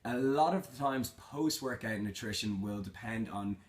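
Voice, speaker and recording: Reading out questions in a casual vlog, this young male fitness creator answers them in a matter-of-fact, informal way full of slang. He talks at normal speed in a voice on the low side.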